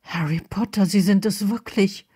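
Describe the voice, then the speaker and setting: A woman's voice: medium pitch, normal speed, warm tone, slightly rough, dry recording, studio quality. A woman voicing a distraught, tearful man who speaks in a panicked, pleading way.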